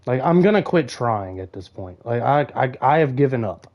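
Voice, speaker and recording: A man's voice: medium pitch, lively intonation, moderate pace, dull audio. A young man, streaming a video game and ranting angrily with constant swearing. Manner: angry swearing rant, frustrated. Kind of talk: live game-stream commentary.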